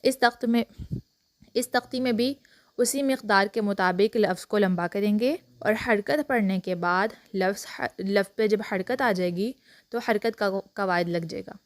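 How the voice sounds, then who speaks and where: A woman, teaching a Quran reading lesson step by step and drawing out letter sounds clearly. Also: mid-range voice, no echo. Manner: slow, drawn-out letter recitation and clear explanation.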